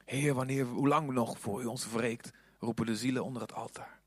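A man preaching a sermon, moving between hushed, whispered passages and loud, fervent appeals. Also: mid-range voice, fairly even intonation, normal speed, husky, no echo.

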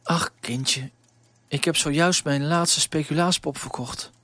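A man voicing a kind, motherly baker's wife in a storybook reading, gently scolding and warm-hearted. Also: a little high, steady tone, measured pace, no echo.

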